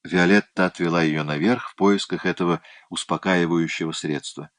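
A male narrator reading a novel aloud with a very low voice. His delivery is even and measured. The recording is dry and close. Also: no echo. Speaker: audiobook narrator. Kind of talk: scripted narration.

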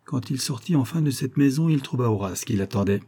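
Male narrator, mellow husky tone, steady novel reading. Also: mid-range voice, a little fast. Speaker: audiobook narrator. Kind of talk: scripted narration.

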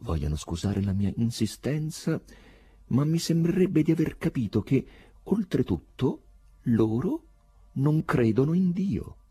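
A man voicing a mysterious, overly polite foreign gentleman in an audiobook, with slow, deliberate speech. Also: medium pitch, sing-song, slightly rough, no room sound, faint music behind, pitched above the performer's own voice. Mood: hushed. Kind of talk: audiobook reading.

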